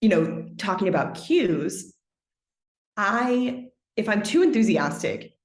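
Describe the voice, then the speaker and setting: Slow and sing-song, a trained singer talks in a lower voice than she sings with, her words echoing in a reverberant space. She's a guest on a podcast, giving long, thoughtful, expansive answers in a conversational interview, with "like" cropping up often.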